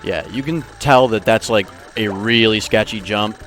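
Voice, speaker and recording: Low-voiced man talking while he plays. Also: normal speed, a little hiss or hum. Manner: relaxed, talks through his own mistakes. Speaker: speedrunner. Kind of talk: casual live-stream talk while playing. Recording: live stream with game music.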